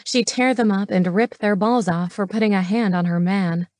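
A woman reading an audiobook as its narrator, steady and matter-of-fact. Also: mid-range voice, moderate pace, no echo. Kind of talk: scripted narration. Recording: dry studio voice.

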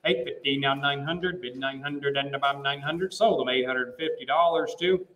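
In a large indoor auction room, a middle-aged American man runs a live auction, chanting bids over and over in a steady rhythm with filler phrases. His medium-pitched voice is pushed and bright at normal speed, recorded distantly with plenty of room sound.

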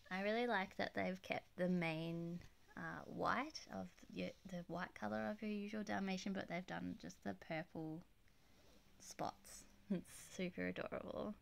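Filmed off-camera on a handheld phone in her bedroom, where plush toys are on display, a woman shows off her plush collection in casual show-and-tell narration. Her mid-range voice is slightly croaky because she's unwell, and she gushes chattily with soft giggles.

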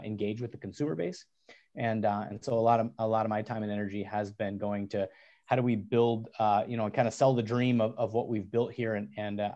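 A man's voice: on the low side, mellow, dull audio. A man in his thirties, a startup cofounder, talking in a video call interview from a small office over a headset, with many restarts and fillers.

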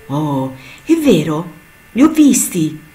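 A woman's voice: low-pitched, very animated, slow pace, mellow, full character voice. A woman voicing a young, curious female cloud in a storybook tale, with an eager, wondering manner.

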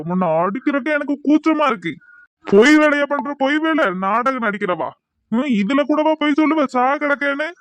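A man's voice: very high voice, fairly bright tone, no room sound. A man voicing an angry accusing husband. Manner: scolding, contemptuous. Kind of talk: cartoon voice acting.

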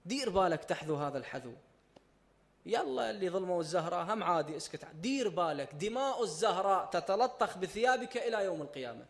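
A man with an Iraqi Arabic accent preaching a mourning sermon, impassioned and swinging between hushed and loud delivery. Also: high-pitched, animated, fast talker, creaky. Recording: echoey hall reverb.

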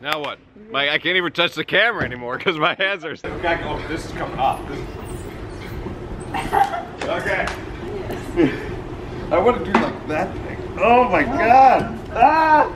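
A man's voice: a little high, expressive, a little slow, pauses often, noisy background. A man in his thirties, a magician vlogging casually on a cruise ship with a playful, joking manner. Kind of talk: casual vlog chat. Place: cruise ship corridors and theater stage. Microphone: handheld camera mic.

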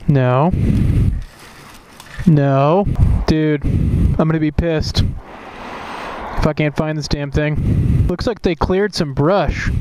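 A young man with a slightly high voice chats off the cuff as a motorcycle vlogger. He is informal, jokey and a bit foul-mouthed. Clear outdoor noise of wind and traffic runs through the recording. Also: takes it slowly, darkish tone, rough recording. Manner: informal, joking, mildly profane, slangy. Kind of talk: casual rambling motovlog commentary. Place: outdoors, riding a motorcycle and walking.

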